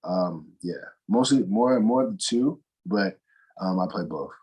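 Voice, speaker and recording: A young man from North Carolina, a college basketball player answering interview questions in a relaxed, rambling way full of fillers and restarts. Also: deep voice, unhurried, slightly rough, low-quality recording. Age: young adult.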